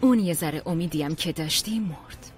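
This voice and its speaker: A woman's voice: low-pitched, soft background music, lightly acted. A woman playing a gloating, spiteful rival. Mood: taunting. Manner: taunting, mocking pity. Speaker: dubbing actress. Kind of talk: dubbed TV drama.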